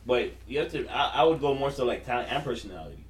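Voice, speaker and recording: A man's voice: mid-range voice, sing-song, fast talker, far from the mic. A man hosting casual sports banter in a slangy, profane, frat-bro teasing manner. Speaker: podcast host. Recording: roomy, off-mic, faint noise.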